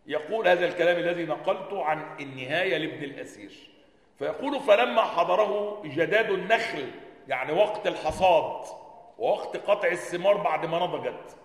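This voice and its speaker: A man with an Egyptian accent teaching a religious lesson, animated, asking his listeners questions and answering them himself. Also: on the high side. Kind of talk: classroom lesson explaining a hadith text. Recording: echoey hall with long reverb.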